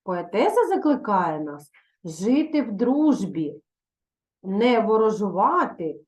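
A woman's voice: mid-range voice, sing-song, slow pace, darkish tone. A woman teaching a recorded video lesson for young pupils, patient and instructive, reading verse expressively. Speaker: primary school teacher. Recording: echoey room.

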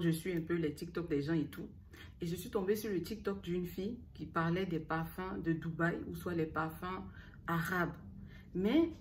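A woman's voice: fairly low pitch, slight background noise. Chatty Ivorian woman vlogger. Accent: Ivorian French. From Ivory Coast. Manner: talks straight to the viewer, teasing, with playful asides. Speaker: beauty vlogger. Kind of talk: chatty to-camera vlog.

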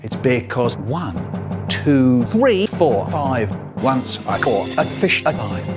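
A man's voice: mid-range voice, big pitch swings, slow pace, over loud music. A man in his sixties with an English accent, performing in an exaggerated, emphatic way with choppy, spliced phrasing. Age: 60s. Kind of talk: animated performed storytelling, spliced into choppy sentences. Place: plain indoor studio room.

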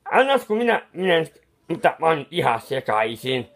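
A man's voice: fairly high pitch, sing-song, a bit bright, heavily acted. A man playing a bumbling, befuddled clown painter who rambles in confused mutters with restarts, kindly fussing over someone crying. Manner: soothing, scolding someone who cries. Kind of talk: comic improvised monologue.

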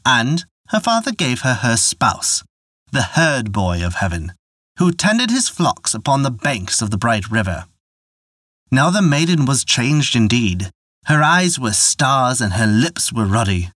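Guy narrating an old folktale, expressive voice, dead dry mic. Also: medium pitch, no room sound. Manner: measured, expressive storytelling. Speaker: storyteller.

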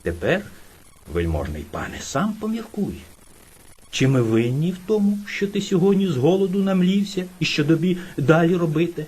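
A woman's voice: lowish voice, very animated, moderate pace, mellow, husky. A woman doing a fawning, sly little hare. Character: timid, cunning little male hare.

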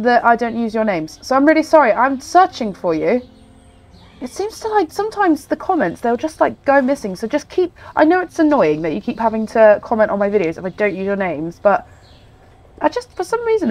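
A woman with a nasal, blocked-nose voice from a cold, chatting casually and ramblingly as she hosts gameplay commentary. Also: fairly high pitch. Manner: chatty, rambling, self-interrupting. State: congested with a cold. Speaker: gaming video host.

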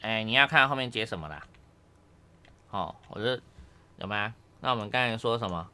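A man's voice: fairly low pitch, expressive, normal speed, sharp tone, clear, resonant tone. A man teaching Japanese grammar one-on-one, casually checking understanding with tag questions.

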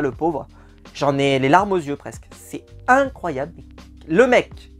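A man giving a casual, exasperated spoken film review, often repeating words for emphasis. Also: on the high side. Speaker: film critic.

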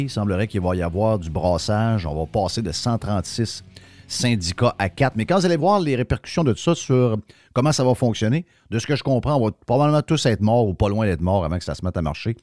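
A man with a Quebec French accent hosting opinionated talk radio, his voice affected by sickness and carrying a smoker's rasp. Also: fairly low pitch, a little mellow. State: sick, voice affected. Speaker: radio host.

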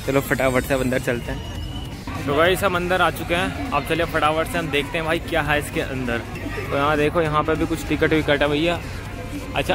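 Chatty young man vlogging at a fair. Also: fairly high pitch. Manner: chatty, joking, addresses viewers as guys. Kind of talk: casual walking vlog. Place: outdoor fair, windy. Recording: loud music and crowd behind.

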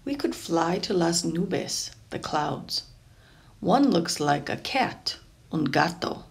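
Here a storybook reader, a woman with a lowish voice and some vocal fry, performs a children's picture book. She takes her time, drawing out phrases in an expressive, unhurried storytelling style.

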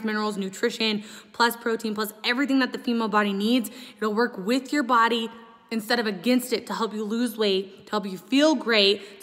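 A young woman gushing in a chatty sales pitch to camera, sometimes talking while she chews. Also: fairly bright tone, big-room sound. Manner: gushing, enthusiastic, talks while chewing. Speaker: host promoting a protein shake.

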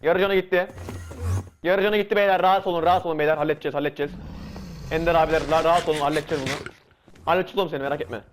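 A young man with a Turkish accent giving rowdy live commentary over a video game, swearing and yelling at the game's creatures. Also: fairly high pitch, steady tone, very fast, pauses often, a little hiss or hum. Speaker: gaming streamer.

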